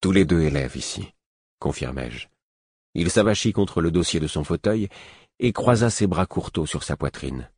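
A man narrates a first-person fantasy novel in a very low, husky voice. His delivery is measured and even. The close, dry recording has no room sound. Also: dry recording. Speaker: audiobook narrator.

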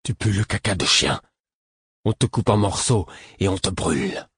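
A man voicing a hostile, simple-minded young male servant who speaks hoarsely with a slack mouth and gives blunt commands, in an audiobook. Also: sits low, animated, moderate pace, a bit bright, no room sound, studio quality, exaggerated voice. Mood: spiteful.

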